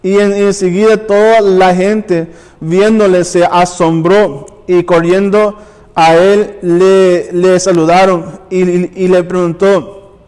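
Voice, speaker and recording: A man's voice: sits high, flat delivery, slow pace, a little mellow, clean tone, big-room sound. A man preaching and reading scripture aloud, often stumbling and restarting words. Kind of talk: sermon with Bible reading. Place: church.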